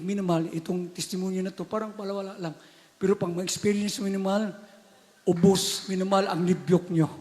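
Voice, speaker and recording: A Filipino man preaching a testimony sermon, who keeps repeating a refrain and moves from hushed storytelling to shouted exclamations. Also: high voice. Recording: church hall reverb.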